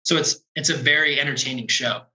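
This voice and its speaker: A man's voice: medium pitch, fairly even intonation, a little fast, sharp tone, reverberant, rough recording. A man talking about his touring work in a casual interview, laid-back and rambling, full of fillers, over a video call. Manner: laid-back, rambling, lots of "like" and "you know". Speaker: drum tech on tour, guest.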